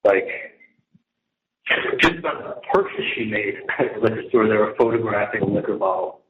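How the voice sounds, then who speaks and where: Over a noisy crowd, a man with a lowish voice talks at normal speed on a jail phone call, his casual private conversation rambling on at length. He's emphatic and repetitive, often trailing off mid-sentence. The handset line sounds muffled, noisy, and echoey.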